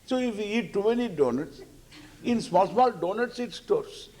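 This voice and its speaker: A man's voice: high-pitched, expressive, a little mellow. A man with an Indian accent giving a spiritual discourse as a teacher, playful, repeating phrases and acting out questioners. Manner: halting, repeating phrases for emphasis.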